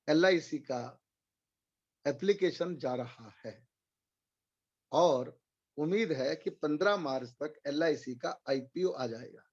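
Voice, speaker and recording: High-voiced man giving a rousing webinar talk. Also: lo-fi sound. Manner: rhetorical questions, repeats phrases for emphasis. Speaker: motivational speaker for insurance agents.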